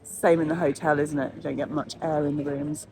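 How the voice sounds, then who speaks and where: An English woman, a vlogger and nail educator, narrates her trip to a trade show in a casual, chatty, upbeat vlog. Her voice sits low and mellow with a level tone, she talks fairly quickly, and she sounds stuffy and bunged up. The audio quality is poor.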